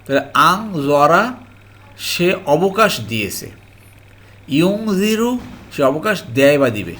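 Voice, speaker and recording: A man with a Bangladeshi Bengali accent teaches Arabic grammar from the Quran. His voice sits somewhat high, and he explains each word patiently with many pauses and repetitions. He checks often that viewers have understood. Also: big pitch swings, fairly bright tone. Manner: slow, repetitive explanation with frequent "ji" and "alhamdulillah"; addresses viewers as "priyo mohtaram" and checks understanding. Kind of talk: online grammar lesson.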